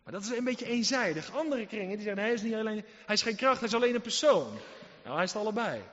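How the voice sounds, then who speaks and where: A man preaching with a high-pitched voice and an emphatic, earnest delivery, moving from loud exhortation to quiet asides. His voice carries a long reverb, as if filling a large hall. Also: expressive, quick pace. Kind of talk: sermon. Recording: muffled sound in a reverberant hall.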